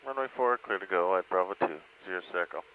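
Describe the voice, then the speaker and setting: A man's voice: sits low, racing. A man, a flight trainer, talking in short clipped cockpit phrases and radio readbacks. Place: small aircraft cockpit in flight. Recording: muffled cockpit audio with faint noise.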